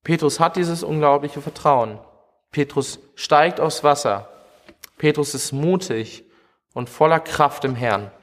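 A man's voice: a little high, a little slow, fairly bright tone. Earnest man preaching in a reverberant hall. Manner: earnest, direct address with frequent "hey". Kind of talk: sermon.

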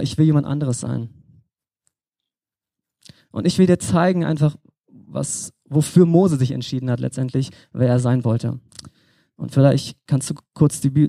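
A young man from Germany gives an informal sermon, preaching in a relaxed, conversational way and addressing the listener directly as if chatting. His voice sits a little high yet sounds mellow and dark, and the sound is close and dry with almost no room echo.

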